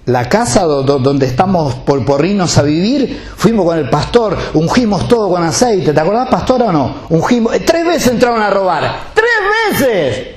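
A man's voice: high voice, lively intonation, normal speed, few pauses, darkish tone, reverberant. A man with a Rioplatense Spanish accent, preaching a sermon as pastor, talking conversationally and putting direct questions to his congregation.

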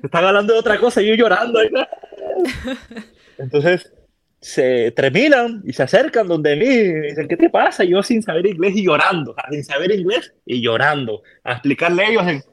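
A middle-aged Puerto Rican man, a podcast guest with a Puerto Rican Spanish accent, tells a personal story in a casual, animated way, acting out the voices of the people in it. His voice is high, his pace moderate, and there is no room sound.

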